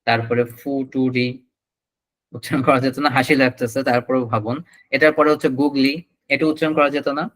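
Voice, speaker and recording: A man with a Bangladeshi Bengali accent leads an online English class. His voice sits a little high and sounds bright. He explains patiently and draws out the words he demonstrates. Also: rough recording. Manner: explanatory, drawn-out word demonstrations. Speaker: English teacher.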